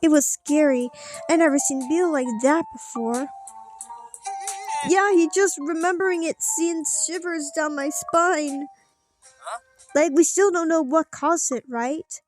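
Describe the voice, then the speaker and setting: With a high-pitched, unhurried voice, a woman streams a let's play of a story game. She performs the characters' lines theatrically and adds offhand asides. Faint music sits behind her.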